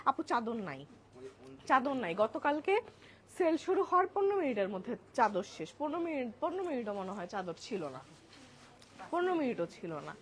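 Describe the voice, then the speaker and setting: A woman's voice: fairly high pitch, sing-song, fairly quick. Chatty woman, live sale. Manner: chatty, addresses viewers as apu; switches between soft and loud talk. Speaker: live-selling host at a store sale. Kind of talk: live-stream product demo. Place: crowded store outlet indoors. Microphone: clip-on mic. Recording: crowded shop, busy background. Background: shoppers chattering.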